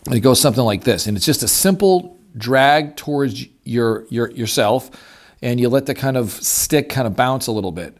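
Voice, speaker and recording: A man's voice: medium pitch, animated, normal speed. A man explaining a hands-on technique in an informal, folksy way, like an easygoing instructor. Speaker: hunting instructor demonstrating a turkey call. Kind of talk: casual hands-on tutorial. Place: at a wooden table. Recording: clear background noise, clicking of call.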